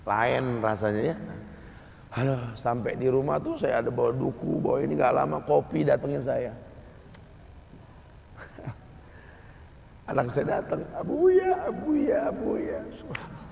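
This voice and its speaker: A man with a Betawi Jakarta accent preaching a storytelling sermon, dropping to soft hushed passages and rising to loud urging. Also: mid-range voice, steady tone, a little slow, vocal fry, long pauses, slight background noise. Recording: echoey hall reverb.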